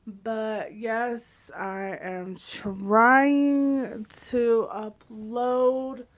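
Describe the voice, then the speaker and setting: A woman with loud, heavy breathing talking casually and apologetically in a vlog update to viewers. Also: fairly high pitch, steady tone, drawn-out words. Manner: apologetic, informal. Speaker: gaming video creator.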